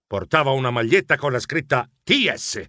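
A man narrating a children's story in an animated, playful way. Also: medium pitch, normal speed, no echo, clean studio sound. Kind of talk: audiobook narration.

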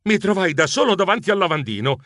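A man narrating a children's story in an animated, playful way. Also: sits high, fast, no echo, studio quality. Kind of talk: audiobook narration.

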